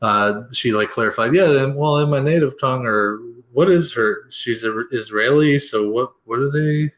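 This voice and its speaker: On a casual film review podcast, a male co-host with a mid-range, fairly bright voice talks at a moderate pace. He rambles through his notes with lots of fillers and restarts.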